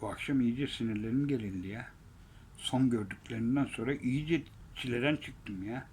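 A man in a heated, profane rant, repeating himself and swinging between loud outbursts and low mutters. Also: normal speed, slight background noise. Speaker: vlogger. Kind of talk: angry ranting monologue.

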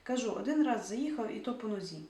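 A woman's voice: a little high, expressive, fast, mellow, close to an everyday voice. Fields: Figure: a woman doing a defensive, sheepish morgue attendant. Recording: echoey. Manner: defensive, protesting, stumbling. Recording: roomy echo, distant mic, faint hiss.

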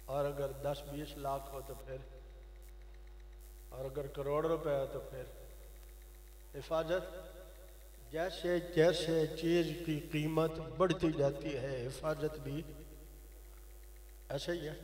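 A man's voice: fairly high pitch, fairly even intonation, long pauses. An older man preaching an impassioned sermon at a mosque gathering, exhorting the crowd and calling on them to answer aloud. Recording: echoey hall over loudspeakers.

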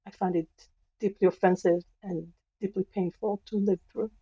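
A woman historian answering interview questions in an earnest, measured, emphatic way. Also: medium pitch, steady tone, warm tone, husky, no echo, muffled recording. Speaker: guest, historian professor.

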